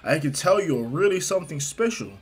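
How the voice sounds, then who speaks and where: A man's voice: a little high, lively intonation, a little fast, breathy edge, soft background music. A man voicing All Might, a hearty, avuncular, grand heroic man who is a symbol of peace, in an amateur story retelling. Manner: hearty, avuncular, addresses listener as young man or kid.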